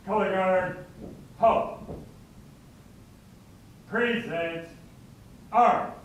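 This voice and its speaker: A man calling color guard drill commands in slow, drawn-out shouts, heard from away from the microphone. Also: sits high. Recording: far from the mic.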